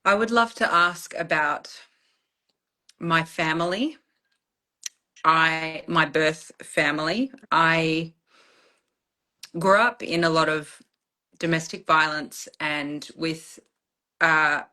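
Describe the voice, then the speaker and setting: Female client, bright clear-edged tone, low-ish pitch, halting personal reflection. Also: steady tone. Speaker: client in a channeling session.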